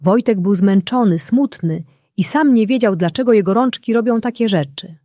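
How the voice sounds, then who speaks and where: A woman narrating a bedtime story for children in a gentle, unhurried way. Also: medium pitch, animated, dry recording, studio quality.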